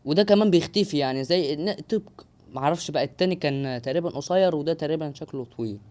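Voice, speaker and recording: A man's voice: a little high, rapid-fire, a little mellow. A young man with an Egyptian Arabic accent giving live gameplay commentary, exclaiming and joking to his viewers. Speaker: gaming YouTuber.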